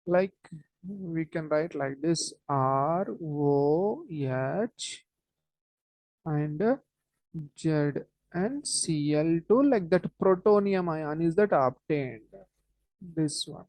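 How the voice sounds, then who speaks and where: A woman's voice: deep voice, expressive, a little mellow, no echo, rough recording. Indian-accented woman teaching, dry close sound. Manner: halting, repetitive phrasing with frequent Hindi endearments and interjections. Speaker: chemistry teacher. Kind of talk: online lesson to students.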